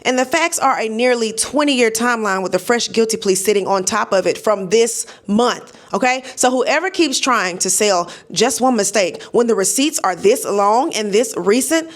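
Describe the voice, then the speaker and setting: A woman's voice: fairly high pitch, lively intonation, moderate pace, few pauses. An American woman delivering opinionated exposé commentary straight to her audience, emphatic and colloquial, with sardonic asides and frequent check-in tags. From United States. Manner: emphatic and direct, often punctuating points with "okay?".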